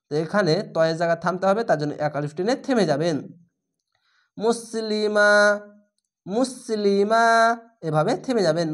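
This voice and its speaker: Male Quran reading teacher, Bangladeshi accent, patient spell-out lesson with drawn-out chanted words. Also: sits high. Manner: spells each letter and vowel, then chants the word slow and drawn out.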